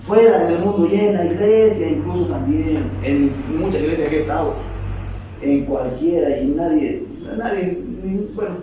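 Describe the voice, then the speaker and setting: A man's voice: on the high side, moderate pace, a little hiss or hum. A male preacher, giving a conversational sermon and asking the congregation rhetorical questions. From Bolivia. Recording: echoey, dull sound from far off.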